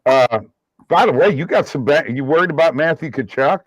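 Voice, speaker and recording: A man's voice: on the high side, animated, a little fast, dry recording. A man in casual sports chat on a remote call, his voice muffled as if heard through a wall. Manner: chatty, enthusiastic about hockey.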